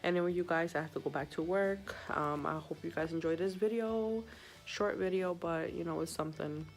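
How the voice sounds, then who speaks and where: A woman's voice: on the low side, brisk, vocal fry, soft background music, rough recording. A young woman who works as a hospital sitter, telling a story in a chatty, subdued way with many fillers and recording on her phone. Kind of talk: casual story-time vlog.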